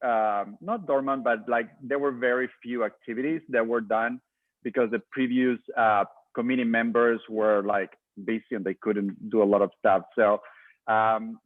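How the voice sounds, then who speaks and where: On a video call, a Peruvian man who chairs a sister city committee introduces himself, hesitating often and using many fillers. His medium-pitched voice is steady and moderately paced. The audio is dry and tinny, like a phone.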